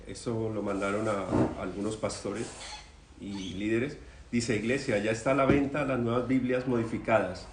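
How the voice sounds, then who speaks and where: A man's voice: fairly low pitch, slight background noise. A man earnestly sharing news in a church Bible study discussion, often stumbling and repeating words. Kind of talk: group discussion. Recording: roomy recording.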